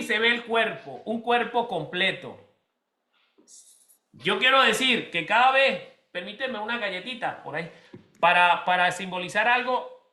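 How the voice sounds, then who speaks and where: A man's voice: high-pitched, bright, forceful tone, reverberant. A man preaching a conversational sermon as pastor, speaking directly to his congregation and calling members by name.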